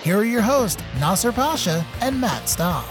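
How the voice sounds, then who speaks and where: A woman's voice: medium pitch, very animated, a little slow. A woman reading a scripted podcast introduction as the show's announcer. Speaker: show announcer. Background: guitar music.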